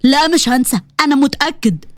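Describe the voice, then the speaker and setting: A woman's voice: high voice, fast talker, no room sound, natural voice. A woman with an Egyptian accent voicing a confident young man who speaks firmly and insistently. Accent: Egyptian Arabic.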